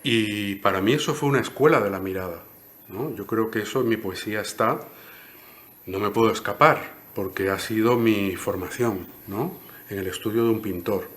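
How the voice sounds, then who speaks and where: A Cuban poet in his sixties answers interview questions with care, often closing phrases with a questioning "¿no?". His voice sits fairly low and carries a slight brightness, and he speaks at a moderate pace.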